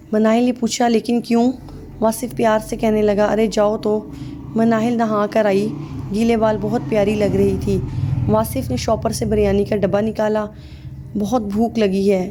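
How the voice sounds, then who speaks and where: A woman's voice: medium pitch, warm tone, slight background noise. A woman reading a sad story aloud as scripted narration, voicing every part in one plain voice.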